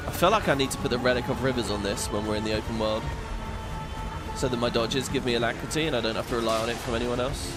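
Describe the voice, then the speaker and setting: A man's voice: medium pitch, steady tone, fast talker. A man giving casual, opinionated gameplay commentary as a streamer, swearing freely. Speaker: game streamer. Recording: game music behind the voice. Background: game music.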